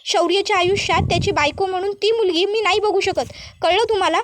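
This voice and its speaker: A woman's voice: extremely high pitch, quick pace, noisy background. A woman voicing a furious, proud middle-aged mother-in-law who scolds insistently. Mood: angry.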